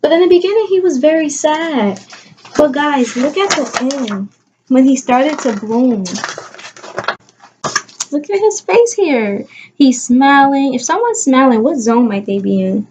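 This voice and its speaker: A woman kindergarten teacher, her voice sitting high and her pace unhurried, reads aloud expressively to young children. She coaxes them with questions and stresses key words, with background noise present.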